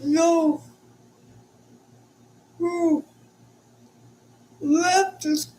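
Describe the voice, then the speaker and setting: A woman hosting her own live stream, talking unscripted in a hesitant, halting way, stuttering and pausing often as she searches for words. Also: extremely high pitch, steady tone, warm tone.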